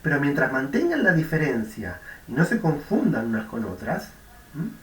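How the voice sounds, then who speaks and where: This university lecturer, a man with a Rioplatense Spanish accent, uses a mid-range, fairly bright voice with big pitch swings at normal speed. He explains step by step, demonstrates sounds out loud, and repeatedly checks students follow with "¿m?" and "¿de acuerdo?", recorded far from the mic in an echoey room.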